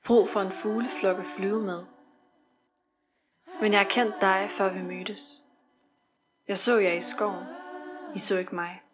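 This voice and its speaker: A woman reciting a poem in an intimate, brooding voice that rises to anguished shouts. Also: medium pitch, fairly even intonation, pauses often, background noise. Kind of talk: spoken word poetry over music. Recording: spoken over a music track.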